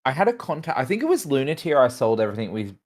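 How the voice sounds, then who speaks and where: A man at a tabletop game, joking in quick bursts in a mid-pitched voice. He chats casually with the other players. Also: big pitch swings.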